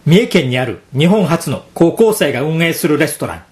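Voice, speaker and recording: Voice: mid-range voice, expressive, fairly quick, darkish tone. A program host giving scripted commentary and explanations, laughing now and then between remarks.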